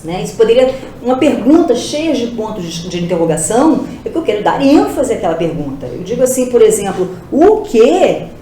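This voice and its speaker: A woman's voice: a little high, sing-song, mellow, slight background noise. A woman teacher giving an exam-prep lesson, asking rhetorical questions and answering them herself. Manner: explains with rhetorical questions and quick self-answers. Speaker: Portuguese teacher. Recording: roomy echo.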